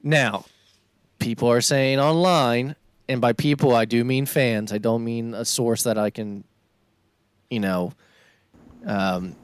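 Guy on a podcast mic going over the week's news, dry close sound, mid pitch. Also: slow pace, pauses often, clean tone, dry recording. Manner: relaxed, rambling recap of news. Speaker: podcast host. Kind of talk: casual chat.

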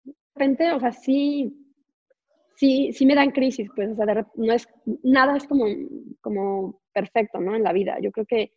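A woman's voice: a little high, moderate pace, dull audio. A woman in her forties with a Mexican accent, a guest telling personal stories in a candid, chatty interview full of fillers and asides over a video call. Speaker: guest entrepreneur.

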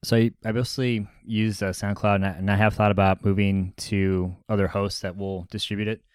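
A man's voice: fairly low pitch, flat delivery, fairly quick, clear, resonant tone, no room sound, clean studio sound. A man chatting casually on a podcast, often repeating words as he thinks aloud. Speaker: podcast host.

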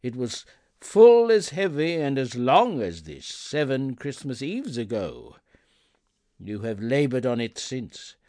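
A chained ghost who speaks in slow, solemn, booming tones of doom, acted by a man reading a storybook. The voice is dry and close, with rising swells of force. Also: very animated, a little mellow, no room sound. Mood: mournful. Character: doomed, mournful male ghost in chains.

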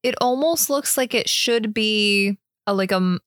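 A woman co-hosting a casual beer review podcast, relaxed and agreeable, laughing easily. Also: mid-range voice, a little slow, dry recording, clean studio sound. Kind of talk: casual chat.

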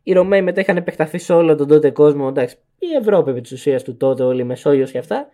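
A man's voice: a little high, warm tone. A young man co-hosting a casual chat podcast, explaining at length and correcting himself as he goes. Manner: rambling explainer, self-correcting. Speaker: podcast co-host.

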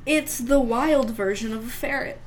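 A woman's voice: a little high, normal speed, slight background noise. A woman from the Southern United States co-hosting a podcast, bantering playfully in casual chat. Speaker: podcast co-host.

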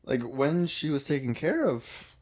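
A man co-hosting a casual film review chat, relaxed and often searching for words. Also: on the high side, unhurried, slight background noise. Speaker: podcast co-host.

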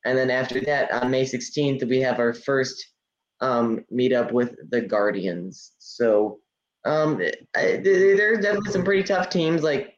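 A teenage boy co-hosting a casual podcast, teasing his friend and listing with many uhs. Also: mid-range voice. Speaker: podcast co-host. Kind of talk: casual chat. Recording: echoey, dull lo-fi mic.

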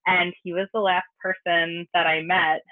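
A woman's voice: on the low side, little pitch movement, normal speed. A woman chatting informally as a podcast guest, heard over a tinny remote line. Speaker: podcast guest, wedding photographer. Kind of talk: casual interview chat.

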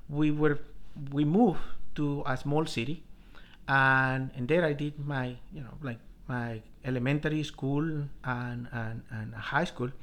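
A middle-aged man from Colombia, a professor telling his life story in an interview, halting with many restarts. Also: medium pitch, fairly even intonation, fairly bright tone. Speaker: professor, guest.

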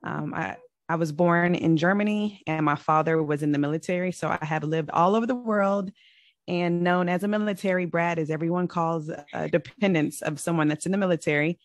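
A woman's voice: lowish voice, fairly quick, dry recording. A woman from Virginia, a podcast guest, telling her story in an upbeat, chatty way. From Virginia, United States. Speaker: podcast guest, real estate investor. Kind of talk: casual interview talk.

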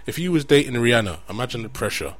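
A man's voice: medium pitch, animated, rapid-fire, a crowd in the background. A man with a London accent chatting casually on a podcast, making his points emphatically and repeating phrases, with plenty of slang.

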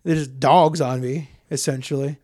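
A young man co-hosting a podcast, telling stories in a loose, profane, animated way with plenty of fillers. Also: mid-range voice, measured pace, no room sound, studio quality. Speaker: podcast co-host. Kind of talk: casual storytelling chat.

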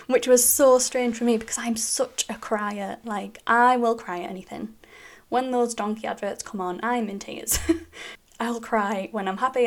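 A young British woman hosts her own podcast, her voice sitting a little on the high side. She talks openly and chattily, often breaking into small laughs between thoughts. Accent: British English. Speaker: podcast host. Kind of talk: personal podcast monologue.

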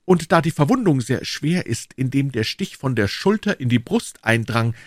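A man's voice: mid-range voice, very animated, moderate pace, dry recording, studio quality, voice pushed up. A man voicing a polished, courteous young musketeer in an audiobook, in a lofty manner. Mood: pleading.

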